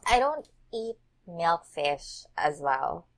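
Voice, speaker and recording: A woman's voice: lowish voice, very animated, slow. A woman, a guest on a food podcast, talking in an opinionated, teasing way. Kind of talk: casual chat.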